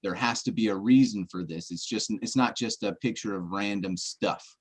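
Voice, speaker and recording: Husky and lowish, this man speaks at a moderate pace while presenting treasure-hunt clues on a casual livestream chat. He goes step by step through the puzzle, joking from time to time and checking with his listener.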